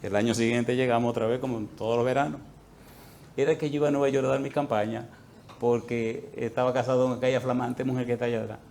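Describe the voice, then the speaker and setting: A man preaching a sermon to a congregation, telling a story with acted-out dialogue and swinging between loud outbursts and quiet asides. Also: mid-range voice, flat delivery, fast, creaky, a little hiss or hum. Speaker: pastor. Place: church, before a congregation.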